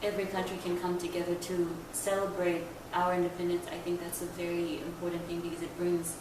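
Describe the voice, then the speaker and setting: Young woman, flat tone, filler-heavy, distant noisy mic. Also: lowish voice, fairly quick. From Papua New Guinea. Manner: conversational, many fillers like you know. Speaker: interviewee. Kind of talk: casual interview answers. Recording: echoey, distant mic, background noise.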